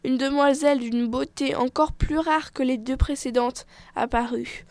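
A woman reading a fairy tale aloud in an expressive, measured storytelling manner. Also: sits high, dry recording.

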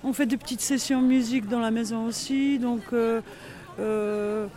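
In a casual street interview for local radio, a villager describes village life with frequent pauses and fillers. He speaks unhurriedly, with a very high-pitched, dark-toned voice and fairly even intonation.

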